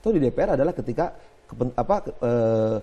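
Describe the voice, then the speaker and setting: Male TV guest, very fast, dark husky voice, argumentative with restarts. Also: medium pitch, lively intonation, lo-fi sound. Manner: rushed, argumentative, many restarts. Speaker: studio guest commentator. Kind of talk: live news interview.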